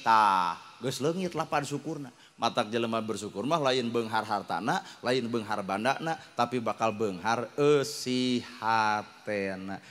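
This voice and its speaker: Sundanese guy preaching, middle aged, jokey and animated, keeps doing funny high voices. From West Java, Indonesia. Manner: lively, jokey, acts out quoted wives and angels in high voices. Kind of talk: humorous Sundanese sermon.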